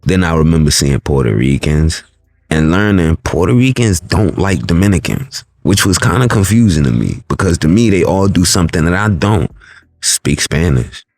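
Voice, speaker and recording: A man's voice: low-pitched, animated, normal speed, a little mellow, no echo. A man from New York City hosting his channel, giving blunt, reflective commentary and telling stories. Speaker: channel host. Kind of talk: commentary monologue.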